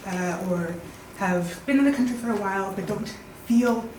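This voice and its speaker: A woman teacher in the audience asking a long, earnest question, with hesitant pauses. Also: medium pitch, darkish tone. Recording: echoey hall, distant mic, clear background noise.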